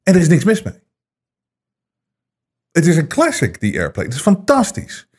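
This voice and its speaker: Husky indignant male host. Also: a little high, huge pitch swings, moderate pace. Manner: indignant, sarcastic, many restarts. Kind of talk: ranting commentary.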